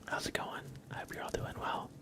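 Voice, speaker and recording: This casual ASMR livestream features a man chatting in a hushed, breathy whisper, his delivery slow and meandering.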